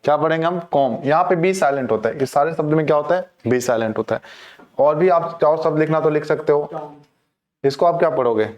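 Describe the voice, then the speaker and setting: A man's voice: on the high side, a little fast, lo-fi sound. A male teacher giving a classroom lecture on English pronunciation. He keeps asking the class questions and then answering them himself.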